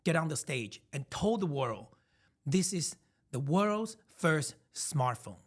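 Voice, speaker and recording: A man's voice: on the high side, sing-song, takes it slowly. A man in his thirties, originally from Taiwan, co-hosting a casual podcast chat and telling emphatic, reflective stories with frequent restarts. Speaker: podcast co-host.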